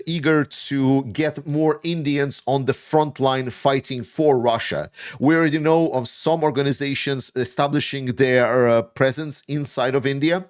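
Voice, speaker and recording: A man from Latvia, a native Latvian speaker, hosting opinionated news commentary in English, frank and sarcastic, with frequent pauses on "uh". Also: medium pitch. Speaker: commentary channel host.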